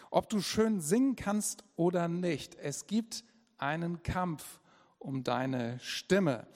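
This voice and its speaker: A pastor preaching a sermon, deliberate and emphatic, repeating his key phrases. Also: fairly high pitch, big-room sound.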